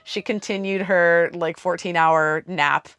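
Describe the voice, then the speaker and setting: A woman's voice: lowish voice, steady tone, unhurried, clean tone, no echo. A young adult woman co-hosting a travel vlog, chatting casually with lots of fillers about a camping trip. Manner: chatty, upbeat, many fillers. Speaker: vlog co-host. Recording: voice with loud background music.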